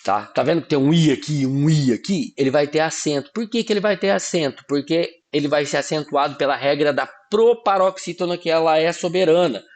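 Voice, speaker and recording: A man teaching an online exam-prep lesson, informal, often checking in with quick tag questions and sounding out words syllable by syllable. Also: fairly high pitch. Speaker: Portuguese teacher.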